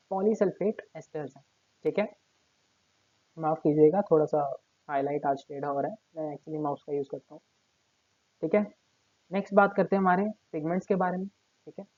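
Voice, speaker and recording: A male teacher sits at his table giving a recorded class lecture, explaining step by step and checking in with students after nearly every point. His voice is fairly high and slightly rough, and the audio is dry, tinny, phone-like, and lo-fi.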